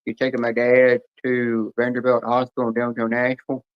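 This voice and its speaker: A man talks at an ordinary middle pitch, rambling from one story to the next in casual chat. His voice comes through a dull, lo-fi stream mic. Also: completely flat delivery, fairly quick, clean tone.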